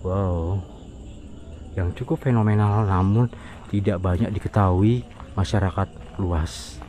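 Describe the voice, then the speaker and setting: A man with an Indonesian accent doing a casual, halting exploration vlog outdoors at night, talking to his viewers in murmured asides and exclamations. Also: sits low, warm tone. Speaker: vlogger exploring an abandoned site at night. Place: outdoors in overgrown wooded area at night. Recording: outdoor night noise, insects.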